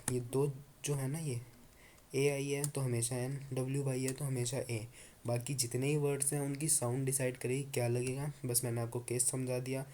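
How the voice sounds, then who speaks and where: A man's voice: mid-range voice, mellow, a little hiss or hum. A man teaching English grammar in Hindi, coaxing and repeating his points patiently. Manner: coaxing, repeats points, calls students "babu". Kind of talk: Hindi-language grammar lesson.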